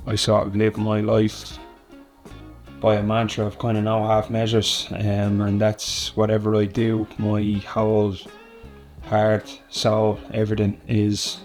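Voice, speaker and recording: A man's voice: fairly low pitch, monotone, unhurried, darkish tone, faint music behind. A man speaking earnestly in a documentary interview.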